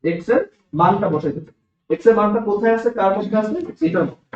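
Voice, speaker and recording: A man's voice: high-pitched, fast talker, darkish tone, slight background noise. A man with a Bangladeshi Bengali accent teaching a programming class, explaining step by step and checking with his students. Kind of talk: classroom lecture. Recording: echoey classroom, dull lo-fi sound.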